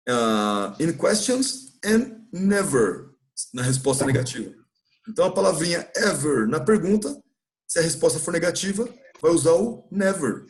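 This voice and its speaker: In a church classroom, a Brazilian man with a fairly high voice teaches English, patiently explaining grammar and frequently checking in with his students.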